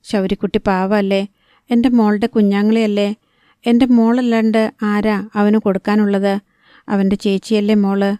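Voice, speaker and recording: A stern young mother in a storybook, read by a woman narrator, sharp-tongued with her children yet quick to comfort them. The voice stays mellow and smooth, the pitch fairly level. The recording is close and dry. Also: level tone, no room sound, natural voice. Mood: tender. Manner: sharp scolding, then soothing. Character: stern, harried young fishing-village mother.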